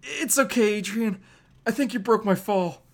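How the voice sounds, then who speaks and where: A man acts out a young superhero from a comic, frantic yet always quipping. The delivery is clipped, urgent and sarcastic, often pushed higher and louder than plain speech. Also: normal speed, creaky. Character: young wisecracking male superhero, Spider-Man, frantic under pressure.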